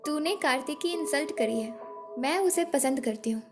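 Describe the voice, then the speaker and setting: A woman's voice: sits high, normal speed. A woman voicing a jealous, scheming young man who snaps angrily in a story reading. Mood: angry. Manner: angry, sharp retorts. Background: background music.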